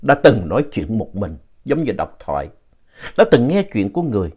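A man telling ghost stories in an expressive, playful narration, reading out a listener's letter. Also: on the low side, normal speed, slightly rough. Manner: animated, playful reading with lively shifts in tone.

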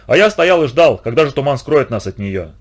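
A man reading a first-person adventure novel aloud as an audiobook narrator, in an expressive, dramatic way. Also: medium pitch, fairly quick.

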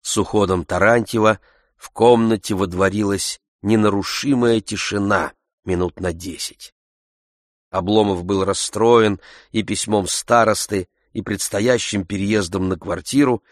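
A man reading a classic novel as an audiobook in measured, expressive scripted narration. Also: lowish voice, no room sound, studio quality. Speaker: audiobook reader.

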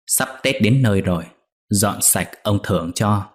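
Male narrator as a sly old master, low, slow and gloating, menacing ghost-story villain. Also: natural voice. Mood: leering. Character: older lecherous master, leering and menacing.

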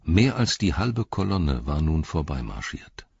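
Man, audiobook narrator, measured dramatic reading, husky voice, dry dull recording. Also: very deep voice, sing-song, a little mellow, no echo. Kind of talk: scripted narration.

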